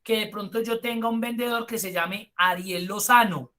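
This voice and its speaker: Colombian male instructor, bright voice, live-class explainer who drifts into chatty asides. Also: high-pitched, fairly even intonation, normal speed. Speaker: spreadsheet course instructor.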